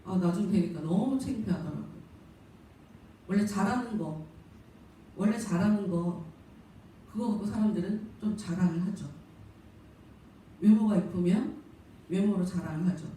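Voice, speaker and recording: Middle-aged woman pastor, chatty sermon delivery, mellow voice, far mic in a reverberant church. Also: medium pitch, moderate pace, pauses often, slight background noise. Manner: conversational preaching, acts out quoted voices. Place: church sanctuary. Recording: distant, very echoey church hall.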